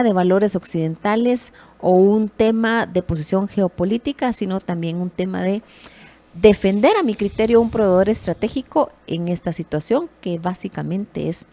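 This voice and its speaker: A woman delivering news commentary in a casual, animated way, correcting herself as she goes. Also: medium pitch. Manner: lively, animated emphasis with self-corrections.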